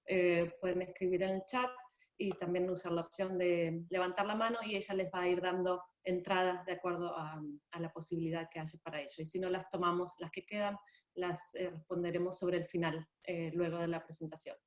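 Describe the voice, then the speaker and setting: A woman interpreting consecutively in an online presentation, careful and pausing as she translates. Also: fairly low pitch, flat delivery. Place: indoor room on a video call. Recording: roomy, echoey video-call sound.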